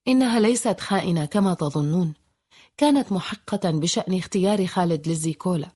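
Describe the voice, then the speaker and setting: A woman's voice: fairly low pitch, quick pace, dark tone, slightly rough. A woman voicing an earnest young man who is a loyal friend, in a storybook reading.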